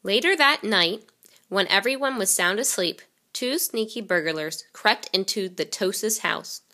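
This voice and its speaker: Bright-voiced woman reading a picture book. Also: medium pitch, unhurried. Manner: expressive, storytelling delivery. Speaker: reader.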